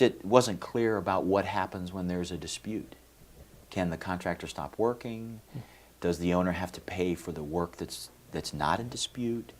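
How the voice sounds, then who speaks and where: Deep male lawyer from Venezuela, folksy explainer. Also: a little hiss or hum. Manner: explanatory, folksy, with many fillers and restarts. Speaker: lawyer, guest. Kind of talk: interview answers. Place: TV studio.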